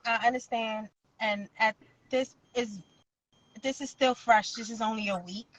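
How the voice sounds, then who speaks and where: A woman's voice: on the high side, fairly even intonation, measured pace, no room sound, rough recording. A woman guest on a live talk show, crying as she tells an earnest personal story with insistent emphasis.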